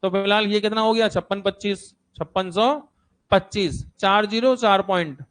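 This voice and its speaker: A man with a high voice teaches a maths lesson to a class in front of him. He repeats each number and step aloud and keeps checking that the students are following. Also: normal speed, a bit bright.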